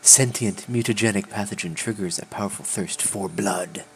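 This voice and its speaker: A man's voice: fairly low pitch, normal speed, background noise. A man hosting a casual game stream, laid-back, reading game text aloud with dry asides. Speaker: channel host. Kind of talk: casual gaming chat.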